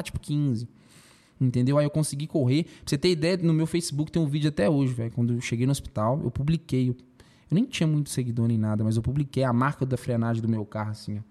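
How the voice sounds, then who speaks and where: A young man, a podcast guest telling a personal story in an emotional, animated way with lots of slang fillers. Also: on the high side.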